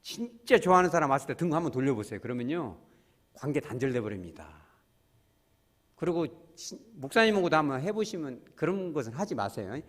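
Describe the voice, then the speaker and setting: A man preaching a sermon as pastor, animated, acting out quotes and often speaking to the congregation. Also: fairly high pitch, fairly quick.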